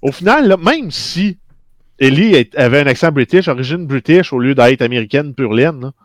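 Brief: Quebec panelist, mid-pitch, dry sound, makes his case firmly. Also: lively intonation, moderate pace, dry recording. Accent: Quebec French. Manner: opinionated, argues his point at length. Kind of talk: casual panel chat.

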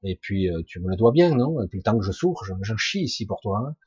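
A man with a husky, rough voice giving an informal spiritual talk to online listeners, halting yet emphatic, in colloquial, earthy wording. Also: on the low side, big pitch swings, darkish tone, dry recording, muffled recording. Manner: halting and emphatic, with colloquial swearing and sound-effect words. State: coughing now and then. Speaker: spiritual teacher answering listeners' questions live.

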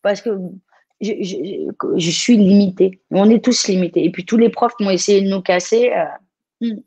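A woman's voice: medium pitch, moderate pace, mellow, slightly rough, dry recording. A woman from France coaching someone live, speaking directly and encouragingly with frequent restarts.

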